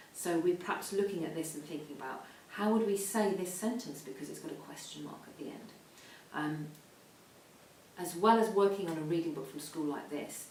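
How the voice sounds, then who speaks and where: A middle-aged woman gives an explanatory talk to parents in an instructive way, stressing key points. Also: a little mellow. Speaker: reading educator advising parents. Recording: roomy echo, distant mic, faint rumbling noise.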